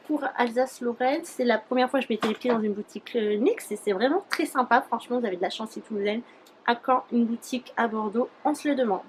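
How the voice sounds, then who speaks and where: A young woman chats her way through a beauty haul, her voice sitting a little high. She rambles easily, filling pauses with hesitations. A faint noise hangs under the recording. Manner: chatty, rambling with many fillers. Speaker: beauty YouTuber. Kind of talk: casual haul vlog.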